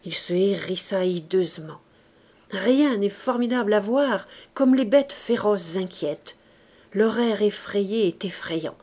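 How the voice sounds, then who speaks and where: Brief: woman narrator, mid-pitched and mellow, reading a classic novel with measured expression. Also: animated. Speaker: audiobook narrator.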